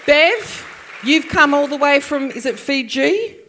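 A woman's voice: high voice, animated, a little slow, heavy background noise. An Australian woman hosting a live comedy podcast, cheeky and teasing, swearing freely. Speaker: host. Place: ballroom stage before an audience. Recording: live show with loud crowd.

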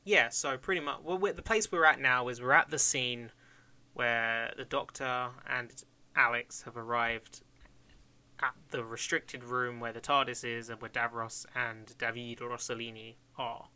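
A man's voice: medium pitch, steady tone, unhurried, bright, forceful tone, clear, resonant tone. A man co-hosting a podcast in a casual, rambling chat, swearing and laughing often. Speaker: podcast co-host.

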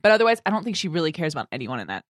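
A woman co-hosting a casual podcast chat, animated and quick to act out what people said. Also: deep voice, no room sound, clean studio sound. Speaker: podcast co-host.

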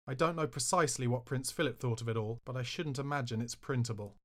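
Reading his memoir aloud for an audiobook, this fast-talking author has a medium-pitched, fairly bright voice. He pokes fun at himself with dry humor and gets loud in sudden outbursts when quoting his own words.

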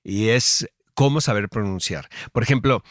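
A man's voice: lowish voice, normal speed, dry recording, clean studio sound. A man with a Mexican accent co-hosting a podcast in casual chat. He rambles with many fillers and restarts. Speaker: podcast co-host.

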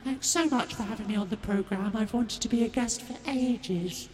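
Woman playing a echoing, high-voiced ghostly suffragette. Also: moderate pace, lightly acted. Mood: polite, chatty. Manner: ghost voice, haunting and solemn. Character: ghost of a stern, chatty old-fashioned suffragette woman. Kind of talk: comedy radio sketch acting. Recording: long ghostly reverb, echoing, some noise.

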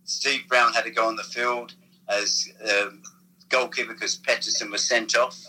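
Man, bright tense voice, former football insider reminiscing, halting story-telling. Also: mid-range voice, flat delivery, husky, low-quality recording. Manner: rambling, halting storyteller with restarts. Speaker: former football club figure, guest. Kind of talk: casual reminiscing chat.

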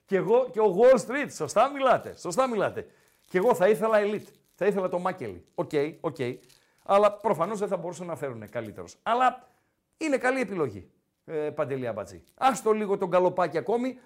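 A man with a Greek accent hosting a casual sports talk podcast, who teases his co-host and keeps repeating his name. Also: high voice. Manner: teasing, animated, repeats the co-host's name.

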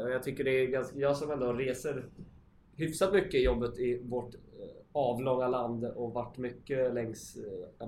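A man hosts an informal conversation in a joking, halting manner. His pitch is ordinary for a man. The recording has clear room echo and a little background noise. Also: a little mellow. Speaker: interview host. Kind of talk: casual chat.

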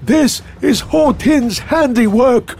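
A man's voice: very high voice, slow, gravelly, darkish tone, a little hiss or hum, exaggerated voice. A man voicing a cranky old village man who scolds and warns of doom in a children's audio story. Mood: ominous. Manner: grim, scolding, insistent.

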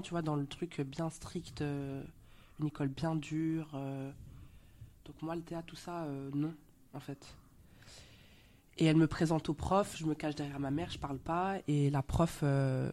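Soft-spoken Belgian woman, hesitant. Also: deep voice. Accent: Belgian French. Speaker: actress guest. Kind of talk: casual interview chat.

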